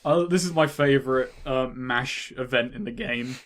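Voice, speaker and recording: A man's voice: medium pitch, normal speed. A man from the UK giving casual, laid-back game commentary, swearing freely and laughing often.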